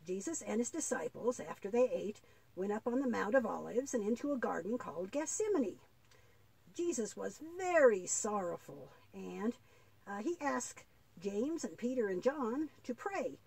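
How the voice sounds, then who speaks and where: In a children's puppet play, a woman voices a patient, devout old grandfather who explains things earnestly and haltingly in a husky voice. Her delivery is mid-range, sing-song, a little mellow, and heavily acted, and the audio quality is poor.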